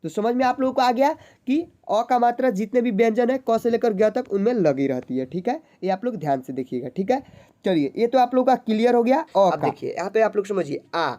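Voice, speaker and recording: A woman teaching basic reading, who quizzes her listeners and repeats each point slowly and patiently. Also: medium pitch, expressive, mellow, muffled recording. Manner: slow, drawn-out letter sounds. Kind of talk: basic literacy lesson.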